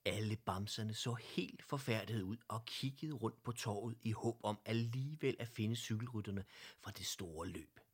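A man reads a children's story aloud in a calm, lively way. His voice is low and husky. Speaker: narrator. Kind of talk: children's audiobook reading.

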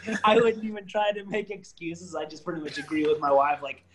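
A man in casual chat who talks haltingly, with many restarts and fillers, and laughs at his own stories. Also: sits high, a crowd in the background.

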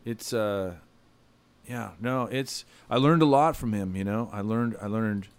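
A man's voice: fairly low pitch, unhurried, clean tone. A man hosting a podcast, chatting in a laid-back, slangy way with lots of fillers. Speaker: podcast host. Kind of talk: casual chat.

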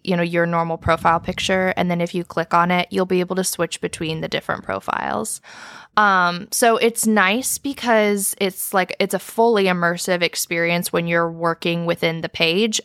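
Low, gravelly Midwestern woman. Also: no echo, clean studio sound. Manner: explains in a relaxed, rambling way with many fillers. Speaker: podcast co-host. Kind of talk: casual podcast chat. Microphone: remote call microphone.

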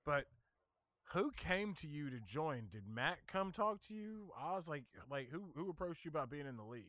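A man's voice: fairly high pitch, big pitch swings, normal speed, fairly bright tone, no room sound, clean studio sound. A man hosting a podcast in casual banter, teasing his co-host and asking the guest questions.

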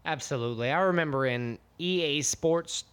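A man's voice: fairly high pitch, moderate pace, a bit bright, smooth. An American man co-hosting a podcast, chatting casually with enthusiastic, rambling jokes. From United States. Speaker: podcast co-host.

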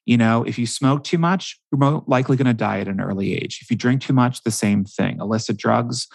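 A man speaking as a guest expert in a podcast interview, telling stories in an animated way and dropping frequent ums. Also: mid-range voice, fairly quick, vocal fry, slightly rough, no room sound.

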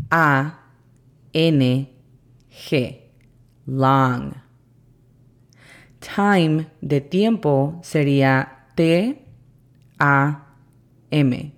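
Woman English teacher, deep and unhurried, methodical phonetic drills. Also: darkish tone. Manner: slow, careful, spells out sounds letter by letter. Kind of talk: language lesson.

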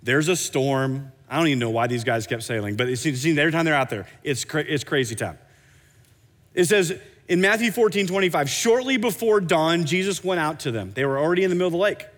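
A man preaching a sermon as pastor, animated, often stumbling and repeating words as he restarts a thought. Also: a little high, a little fast, long reverb tail.

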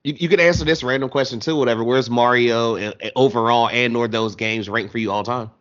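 A man's voice: medium pitch, steady tone, brisk, a bit bright. Man, podcast host, casual interview, informal slang, lo-fi muffled audio. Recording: dull, lo-fi audio.

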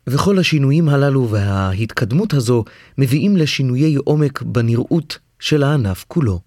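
Male podcast host, measured scripted links, dry close sound. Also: mid-range voice, animated, darkish tone, no echo. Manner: measured, formal linking narration. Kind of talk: scripted narration.

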